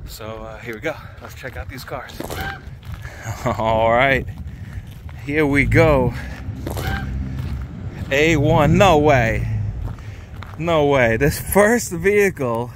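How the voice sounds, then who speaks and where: A man in his thirties vlogging casually while walking through an outdoor car lot, excited and chatty, filmed on a handheld camera at arm's length. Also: mid-range voice, slow, pauses often, noisy background. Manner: excited, chatty, laughs often. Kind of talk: casual vlog walkthrough. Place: outdoor impound parking lot.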